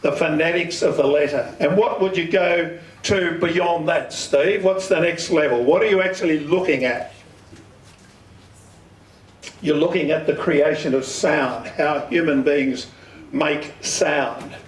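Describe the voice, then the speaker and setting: An older man gives an amateur radio talk in a community centre meeting room, lecturing instructionally and putting questions to the audience. His voice is on the high side at a measured pace, and the distant microphone makes the hall sound echoey.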